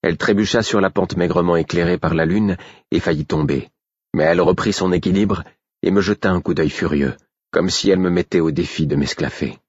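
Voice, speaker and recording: Man narrating audiobook, very low voice, husky, dry dull recording. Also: brisk, dry recording. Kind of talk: first-person novel reading.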